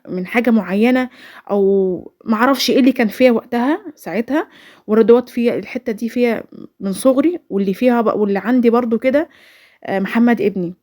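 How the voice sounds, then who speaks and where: A woman's voice: a little high, warm tone. A woman in her twenties with an Egyptian Arabic accent, telling a personal story in a chatty, rambling voice-over full of restarts. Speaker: vlogger.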